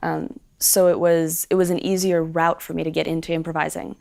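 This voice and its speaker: Here the same Swedish-raised guest musician, American-accented, sounds creaky and a little mellow, pitched low with a flat, slightly fast delivery. She chats animatedly in the casual interview, with many fillers and restarts.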